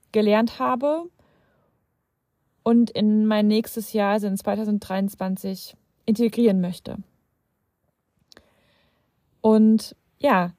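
A woman's voice: on the high side, warm tone, no room sound, studio quality. A young adult woman hosting a self-help podcast, talking straight to the listener in a reflective, conversational way with some hesitant restarts. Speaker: podcast host.

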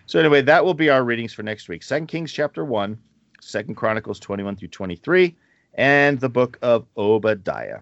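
Chatting casually as a podcast co-host, a man in his forties uses a gravelly, medium-pitched voice with lively intonation and a fairly quick pace, rambling and chuckling between tangents. The recording has no room sound and is a bit muffled.

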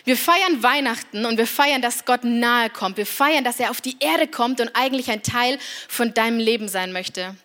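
A woman's voice: fairly high pitch, normal speed, hardly any pauses, a bit bright. A woman in her thirties giving a personal, confessional devotional talk, speaking straight to the listener. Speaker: church speaker.

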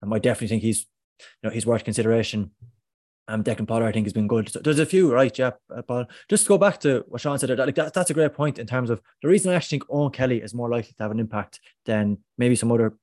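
A man's voice: mid-range voice, quick pace, darkish tone, no room sound, studio quality. An Irish man giving casual sports analysis as a pundit.

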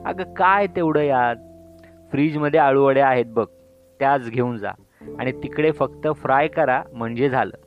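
A man voicing a brisk, kindly older mother-in-law in a storybook reading, waving off any fuss, on a dull lo-fi recording with faint music. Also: mid-range voice, natural voice.

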